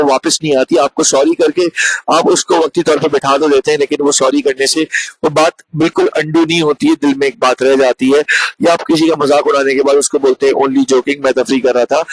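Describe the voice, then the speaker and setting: A man leads an online revision lecture, talking to his students as friends and mixing English terms into his explanations. His voice sits fairly high, and the recording is dry and close with no room sound. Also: no room sound, low-quality recording. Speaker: teacher.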